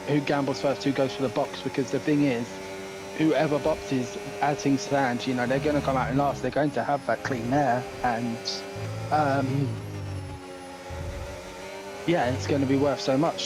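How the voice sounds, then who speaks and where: A man giving conversational motorsport commentary on a sim race as the analyst, reasoning through tactics. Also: medium pitch.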